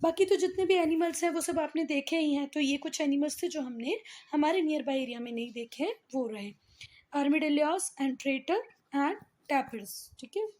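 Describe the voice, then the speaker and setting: High-pitched woman teacher drilling terms. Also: normal speed, a little mellow. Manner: repeats key terms and quizzes pupils, addressing them as beta. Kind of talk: classroom geography lesson, Hindi mixed with English.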